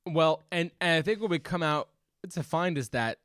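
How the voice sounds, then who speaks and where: Guy cohosting a movie podcast, lively up and down voice, dry close mic, keeps restarting himself. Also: on the high side, normal speed, no room sound. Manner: rambling, restarts often, animated. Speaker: podcast co-host. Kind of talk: casual movie review chat.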